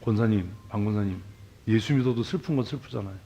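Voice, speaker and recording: A male pastor preaching a sermon in a church, talking casually and bluntly, peppering the congregation with questions and swinging between loud emphasis and quiet asides. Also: on the low side, quick pace, vocal fry, dull audio. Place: church sanctuary.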